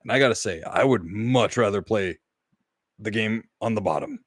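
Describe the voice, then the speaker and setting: A man's voice: fairly low pitch, normal speed, no room sound, clean studio sound. A man co-hosting a gaming podcast, chatting casually, rambling and reading out chat comments with the odd swear word. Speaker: podcast co-host.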